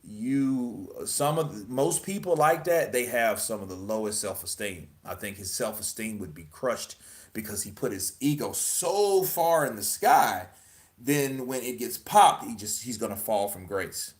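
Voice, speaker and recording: A man's voice: on the low side, lively intonation, a little slow. Profane, emphatic boxing commentator man. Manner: emphatic and profane, full of rhetorical questions. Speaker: boxing news host.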